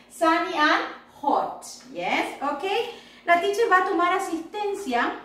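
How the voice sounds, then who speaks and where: A high-voiced woman leads a children's English class, stretching out each phrase slowly so the kids can repeat it. She answers her own questions on the pupils' behalf. Her voice rings in a very echoey room, a little away from the mic. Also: bright, forceful tone, distant mic. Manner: slow, drawn-out model phrases for repetition; answers for the unseen pupils herself. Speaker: English teacher for young children. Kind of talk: online class video, mixing Spanish and English.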